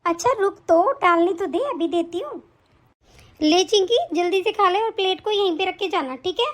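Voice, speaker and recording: A woman voicing a cruel young daughter-in-law and mother in an animated story, speaking in a sharp, nagging, scolding way. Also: very high-pitched, moderate pace. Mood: impatient.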